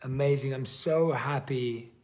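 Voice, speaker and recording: A man hosting a live workshop, guiding a meditation in a slow, calm, soothing way and reading out viewer comments. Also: mid-range voice. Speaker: meditation teacher and workshop host. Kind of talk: guided meditation and livestream talk.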